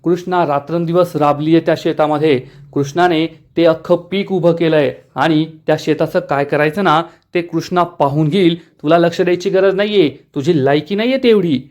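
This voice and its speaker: A man's voice: a little high, moderate pace, darkish tone, close to an everyday voice. A man voicing an outspoken young woman who talks indignantly. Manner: indignant, reproachful.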